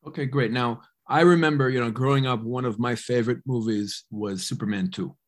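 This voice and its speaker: A male podcast host poses questions to his guest in a relaxed, conversational manner. He often restarts his sentences as he feels his way toward each question. His voice is at an ordinary pitch for a man. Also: brisk. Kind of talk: podcast interview.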